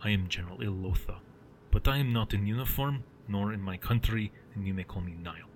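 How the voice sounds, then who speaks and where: A man putting on a deep rumbling Egyptian general, Arabic accent, formal and pointed, low soft delivery, faint hiss. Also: lightly acted. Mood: courteous. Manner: measured, formally polite, pointed. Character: calm, imposing Egyptian general, adult man.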